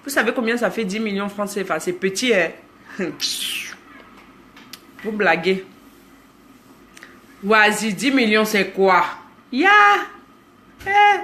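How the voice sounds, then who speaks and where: Chatting casually on a live stream, a Cameroonian-accented woman in her thirties reads comments and teases viewers she greets by name. She talks at a moderate pace in a mid-range, fairly bright voice, with long pauses.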